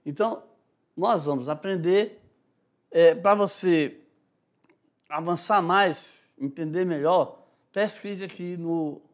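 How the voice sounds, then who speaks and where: A man's voice: a little high, slow pace, long pauses. A male teacher with a Brazilian Portuguese accent explaining a lesson, checking in often with "tá?" and "né?". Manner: explanatory, frequent "tá?" and "né?" check-ins, demonstrates rhythms aloud. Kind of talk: recorded online class lecture.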